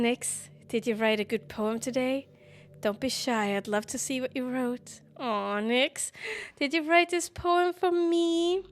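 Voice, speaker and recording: Lovestruck self-aware game girl, soft and earnest, slightly high voice, read aloud by a woman. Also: natural voice. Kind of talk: reading game dialogue aloud.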